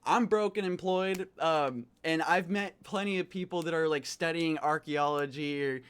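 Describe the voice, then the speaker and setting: A man's voice: a little high, normal speed, fairly bright tone, clean tone. An American man co-hosting casual reaction commentary in a slangy, informal way. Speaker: reaction video co-host.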